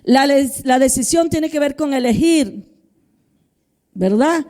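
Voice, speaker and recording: A woman's voice: high-pitched, lively intonation, takes it slowly, dark tone. A middle-aged woman pastor preaching a sermon, talking straight to the congregation and acting out quoted prayers and inner voices. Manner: conversational preaching, addresses congregation directly.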